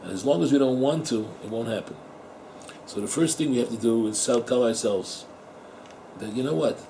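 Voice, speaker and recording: Rabbi in middle age, relaxed warm tone, chatty talk to students with Hebrew terms mixed in. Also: male voice, medium pitch, normal speed, vocal fry, a little hiss or hum, rough recording. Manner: conversational, repeats words, asks the listeners rhetorical questions; mixes Hebrew and Yiddish terms into English. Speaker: rabbi teaching at a yeshiva. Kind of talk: informal Torah talk to students.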